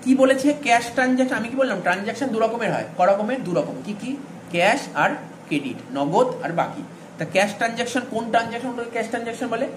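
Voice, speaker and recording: A man teaching accounting in an informal lecture, talking straight to his students and checking often that they follow. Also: very high-pitched. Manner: informal, addresses students directly with frequent "all right?" checks. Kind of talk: classroom-style lecture. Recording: echoey room with faint ambient noise.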